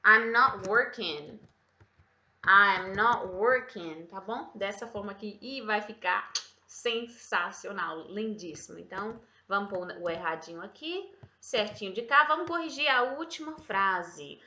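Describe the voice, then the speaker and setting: A woman English teacher giving a chatty, affectionate online grammar lesson, slowing right down when she models English example sentences. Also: mid-range voice, lively intonation, pushed and bright, a little hiss or hum. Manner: chatty, affectionate, calls viewers "meu bem" and "gente". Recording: echoey room, slightly dull sound.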